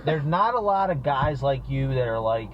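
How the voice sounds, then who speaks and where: A man's voice: mid-range voice, expressive, normal speed, lo-fi sound, a little hiss or hum. A man hosting a food podcast, talking casually and hesitantly with many fillers. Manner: hesitant, filler-heavy, laughs often. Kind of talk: casual chat.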